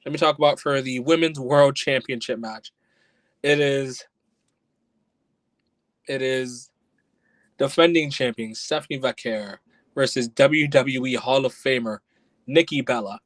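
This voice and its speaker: A man's voice: mid-range voice, measured pace, long pauses, dry recording, low-quality recording. A man hosting a casual solo podcast review, talking bluntly and with exasperation, and a little out of breath. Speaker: podcast host.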